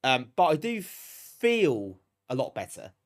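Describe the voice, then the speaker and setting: Though his voice is a little high and very animated, this British streamer talks slowly. He's hosting a retro gaming stream while bunged up from a cold he's getting over, chatting casually and self-deprecatingly and showing appreciation for viewers.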